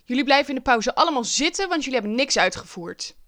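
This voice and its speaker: A woman doing a flustered, shrill female teacher. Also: lively intonation, a little fast, sharp tone. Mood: stern.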